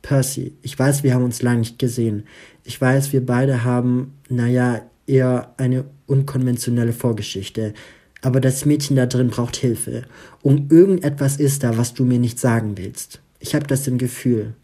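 A man's voice: mid-range voice, fairly even intonation, moderate pace, warm tone, close to an everyday voice. A man voicing a determined, worried young female student in an audiobook reading, urgent and pleading. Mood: earnest.

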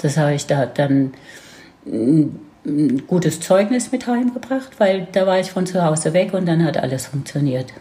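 A grandmother in her seventies from near Heidelberg, Germany, unhurriedly tells her life story on a podcast in a Baden regional German accent. Her voice is deep and dark-toned with lively intonation. She reminisces casually, breaking into laughs.

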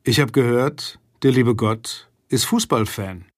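A man's voice: medium pitch, measured pace, heavy background noise, lightly acted. A man reading the lines of a blunt police inspector in a terse, matter-of-fact way. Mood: dry.

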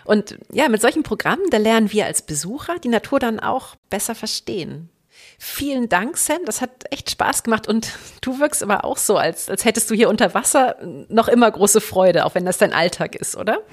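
A woman's voice: fairly high pitch, lively intonation, normal speed. A woman co-host presenting a travel podcast in a chatty, explanatory, conversational way. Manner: chatty, explanatory, with tag questions.

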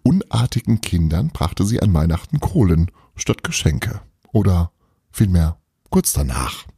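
A man narrating a Christmas audiobook chapter in a lively, playful storytelling manner. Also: low-pitched, unhurried, breathy edge, no echo, studio quality.

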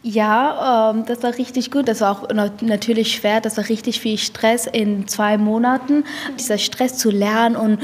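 Husky young woman, lively storyteller. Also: a little high, normal speed, few pauses, in a large hall. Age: young adult. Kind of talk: casual interview answers.

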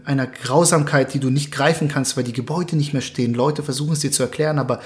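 A young man from Germany, speaking as an interview guest in a thoughtful, measured way with occasional hesitations. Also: fairly high pitch, darkish tone. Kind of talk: earnest interview conversation.

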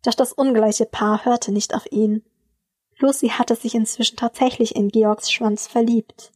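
Eine Erzählerin mit eher hoher Stimme liest eine erotische Geschichte gleichmäßig und gemessen vor. Die Aufnahme ist trocken und nah, ohne Raumhall. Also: female voice, on the high side, fairly even intonation, measured pace, a little mellow, breathy edge, no echo. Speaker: storyteller. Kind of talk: scripted erotic story narration.

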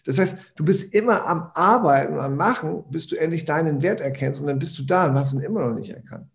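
A personal development trainer talks animatedly in a casual podcast conversation, repeating words and swearing offhandedly. His voice is on the high side, quick-paced, with vocal fry.

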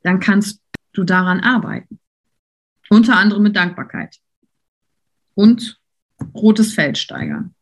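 Woman lecturer talking to a class, chatty and lively, keeps asking the room stuff. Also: medium pitch, unhurried, long pauses. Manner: lively, conversational, asks the audience questions. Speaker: university lecturer on coaching and leadership.

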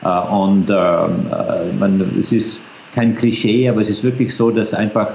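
Austrian man, interview guest on a remote call; low, hesitant, faint noise, echoey lo-fi sound. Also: little pitch movement, unhurried, gravelly, a little mellow. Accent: Austrian German. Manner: hesitant, many "äh" fillers. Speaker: interview guest, space agency official. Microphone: video call. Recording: roomy, dull video call audio with faint noise.

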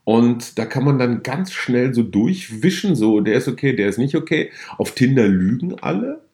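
A man's voice: mid-range voice, sing-song, moderate pace, darkish tone. A man from Westphalia hosting a podcast, asking wry, teasing questions in a casual interview. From Westphalia, Germany. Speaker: podcast host.

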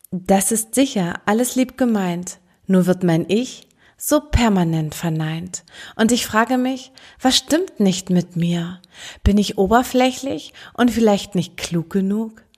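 Woman podcaster reading her own rhymey text, earnest and thoughtful, mid pitch. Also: darkish tone. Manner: earnest, reflective recitation. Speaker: podcast host.

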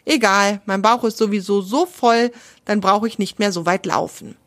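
A woman's voice: mid-range voice, normal speed, fairly bright tone, lightly acted. A woman voicing a cheeky little male squirrel thinking aloud in a storybook tale. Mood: musing. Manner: musing to himself.

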